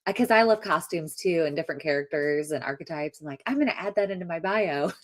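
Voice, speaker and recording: An audience participant in a group conversation, a woman with a deep voice chats casually at a brisk pace. She's animated, enthusiastic, and effusive.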